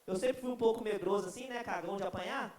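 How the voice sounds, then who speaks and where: A young man preaching to a youth group, telling a story in an animated, comic way. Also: high voice, fast talker, a little hiss or hum. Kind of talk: storytelling sermon. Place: church. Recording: echoey church hall.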